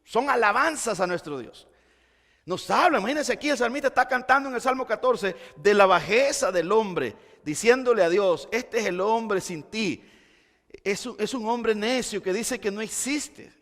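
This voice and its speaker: A man preaching a sermon, moving from quiet explanation to loud, impassioned exclamations. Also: sits high, expressive, normal speed. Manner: impassioned, swings between quiet and shouting. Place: church sanctuary. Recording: church hall reverb.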